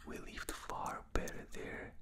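A man with a non-native English accent whispers a book aloud at a slow pace for binaural ASMR, making small slips and restarting lines. He's recorded on a binaural microphone in a dark room at night.

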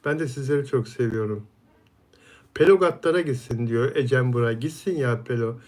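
A man's voice: mid-range voice, normal speed, darkish tone. Chatty man reading live comments. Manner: friendly, chatty, answers viewers by name. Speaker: live stream host. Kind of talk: casual live chat, reading viewer comments aloud.

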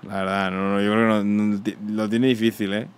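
A young Spanish man with a Spanish accent reacts to a video as a streamer, his commentary casual, blunt, slangy, and full of swearing. He mocks others in shrill put-on voices, though his own delivery is flat, fairly quick, and clean in tone.

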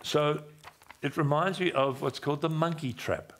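A man in his sixties, a pastor, seated on a dim church stage with a headset mic, telling a personal story in a conversational sermon and often dropping his voice low for emphasis. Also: normal speed. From Australia. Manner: conversational, animated gestures, drops low for emphasis.

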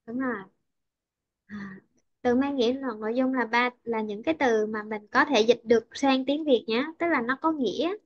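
A woman teaching English with a Vietnamese accent, her fairly high voice explaining stress rules patiently. The sound is dry and a little dull, like a laptop call. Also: normal speed, dry recording. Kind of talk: online English lesson.

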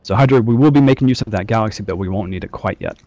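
Lower-voiced man over group voice chat. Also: very fast, mellow, no room sound, highs cut off. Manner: loose, instructive, many fillers. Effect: heard over group voice chat. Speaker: squad trainer. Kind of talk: casual game instruction.

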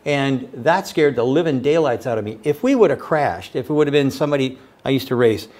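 A man's voice: medium pitch, animated, fairly quick, darkish tone. An older man hosting a casual interview, talking in an enthusiastic, rambling way and stumbling over repeated words. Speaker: host.

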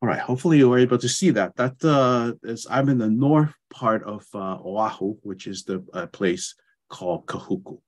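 A guest presenter, a middle-aged anthropology professor from Tonga, lectures with slides via video call in his bookshelf-lined home study. With a Tongan accent and mid-range voice at moderate pace, he speaks hesitantly, full of fillers and restarts.

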